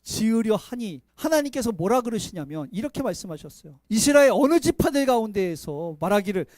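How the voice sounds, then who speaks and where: A man's voice: high voice, very animated, brisk, no echo. Emphatic male pastor, dry close sound. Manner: swings between loud emphatic preaching and soft hushed pleading; acts out quoted voices in conversational asides. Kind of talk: Sunday morning sermon.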